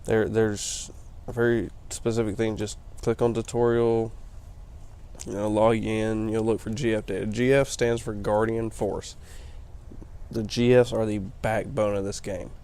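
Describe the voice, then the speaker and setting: Sleepy dude doing let's play commentary, low gravelly voice, kinda dark and mellow. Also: male voice, level tone, a little slow. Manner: rambling, explanatory, chatty. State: tired, yawning late at night. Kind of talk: casual gameplay commentary.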